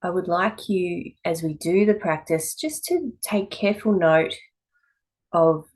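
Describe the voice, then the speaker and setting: Guiding her yoga class in meditation, a woman speaks in a low register. Her short phrases come calm and measured, separated by pauses, as a yoga teacher's would.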